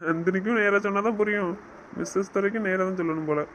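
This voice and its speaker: A man's voice: high voice, fast talker, a bit bright, slight background noise, low-quality recording. A man playing a young newlywed husband who teases his wife and lectures her sternly in a romantic audio drama. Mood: playful. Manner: teasing, then stern and scolding. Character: young husband, teasing yet bossy with his new wife.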